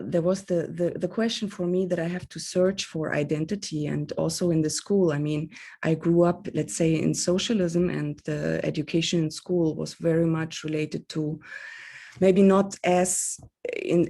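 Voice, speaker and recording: A woman's voice: low-pitched, vocal fry, dark tone. A woman in her thirties with a German accent, a German native speaker and artist, talking on a panel and searching for her words. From East Germany. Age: 30s. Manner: searching, fluent with fillers. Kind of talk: panel talk.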